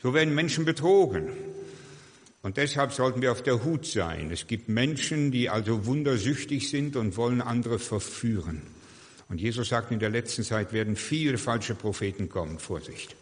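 A man's voice: medium pitch, animated, moderate pace. An older man, a pastor, preaching a sermon and telling stories while acting out the voices of the people he quotes. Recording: long hall reverb.

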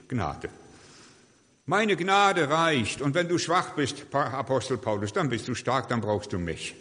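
An older man, a pastor, preaching a sermon and telling stories while acting out the voices of the people he quotes. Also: on the low side. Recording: long hall reverb.

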